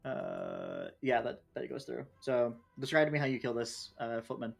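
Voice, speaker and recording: Man, game master, tabletop game, middle pitch, steady rules talk, frequent fillers. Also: moderate pace, creaky.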